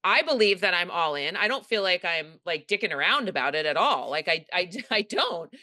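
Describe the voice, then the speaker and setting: A woman's voice: on the low side, big pitch swings, normal speed, bright, forceful tone. A middle-aged woman with a New York accent, hosting a podcast and talking frankly and bluntly. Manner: frank, blunt, swears casually. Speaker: podcast host. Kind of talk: casual conversation.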